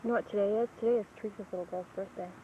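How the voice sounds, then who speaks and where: Heard on an old camcorder tape through its built-in mic, a woman filming at home chatters casually, coaxing a baby in a playful way. She speaks in a mid-range voice with fairly even intonation at a racing pace, and the sound is phone-quality with slight background noise.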